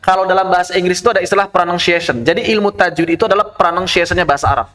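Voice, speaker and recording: A man with an Indonesian accent teaches a tajwid class online. His voice sits high and bright. He asks his class rhetorical questions and chants verse lines in a slow, drawn-out way. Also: steady tone. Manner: explanatory, rhetorical questions, recites Arabic verse slowly.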